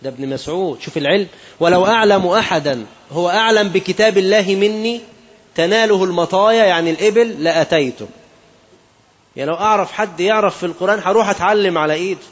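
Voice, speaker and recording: A man's voice: sits high, fast, lo-fi sound. A man with an Egyptian Arabic accent giving an Islamic sermon, moving between classical quotations and colloquial asides and putting questions to his listeners. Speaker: preacher.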